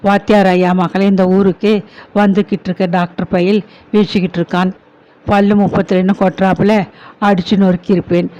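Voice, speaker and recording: Man reading angry scolding male relative, blunt, high voice, lo-fi storybook. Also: level tone, fairly quick, darkish tone, close to an everyday voice. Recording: dull lo-fi recording.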